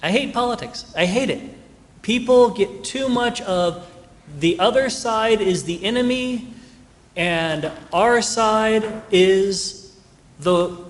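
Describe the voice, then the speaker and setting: A man serving as priest, reading the Gospel and preaching a homily in an earnest, emphatic way, his voice carried by a cathedral echo in a large church. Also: high voice. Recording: long reverb of a large church.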